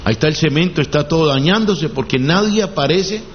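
A man's voice: fairly high pitch, lively intonation, brisk. A man hosting a local call-in radio show, taking listeners' calls and adding short remarks. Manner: brief, affirming interjections. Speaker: radio host. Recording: dull radio sound with faint noise.

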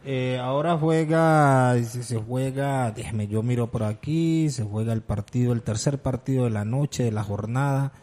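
A man's voice: mid-range voice, normal speed, hardly any pauses, a little mellow. A man co-hosting a casual football chat, agreeable and fond of reading out statistics. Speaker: sports radio co-host.

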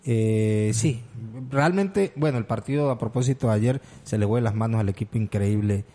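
A man's voice: fairly low pitch, moderate pace, mellow. A man co-hosting a casual football chat, agreeable and fond of reading out statistics. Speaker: sports radio co-host.

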